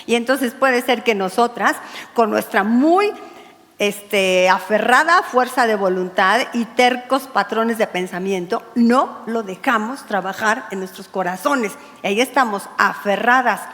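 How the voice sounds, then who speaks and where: Una mujer con acento mexicano que enseña un estudio bíblico para mujeres en tono conversador y con humor. Dramatiza diálogos y pregunta a menudo "¿verdad?". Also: female voice, medium pitch, a bit bright, in a large hall. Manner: chatty and humorous, acts out dialogues, asks "¿verdad?". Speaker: pastor's wife teaching a women's Bible study. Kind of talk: women's Bible study sermon. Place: church hall.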